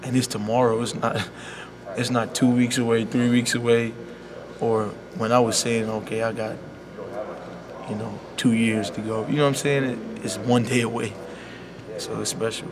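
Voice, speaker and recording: A young man, a college basketball player speaking softly and sincerely in a media scrum, leaning on "you know.". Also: mid-range voice, flat delivery, moderate pace, crowd noise. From Bahamas. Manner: soft-spoken and heartfelt, full of "you know". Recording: loud background noise.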